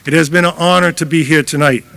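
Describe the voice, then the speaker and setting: A man's voice: a little high, steady tone, quick pace, vocal fry, a bit bright. A retired male teacher giving a joking, heartfelt graduation address into a podium microphone outdoors. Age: older.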